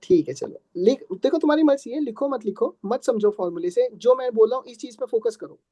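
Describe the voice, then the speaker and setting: Male classroom teacher, talky and patient, mellow voice, dry room. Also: extremely high pitch, expressive, brisk, no room sound. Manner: conversational, quizzes students and answers for them; patient, calls students "beta". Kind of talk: classroom math lecture.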